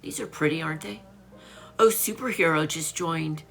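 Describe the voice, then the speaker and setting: Selling online from home, this woman in her late fifties lists her items and greets live-stream viewers by name in a relaxed, chatty way. She speaks at a normal speed in a low-pitched voice with vocal fry, heard over music.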